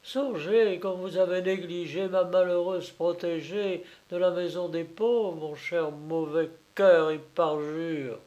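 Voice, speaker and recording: A distressed middle-aged aunt who reproaches and begs in turn, as a male reader puts her on. The voice sits well above his own and is delivered slowly and dramatically. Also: high voice, steady tone, darkish tone, voice pushed up. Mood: reproachful. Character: anxious pleading aunt, woman, middle-aged. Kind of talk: audiobook reading.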